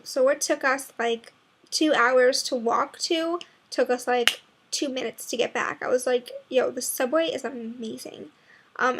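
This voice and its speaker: Young woman vlogger, high voice, tired and mumbling, loose rambling chat. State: sleepy. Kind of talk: casual chat to camera.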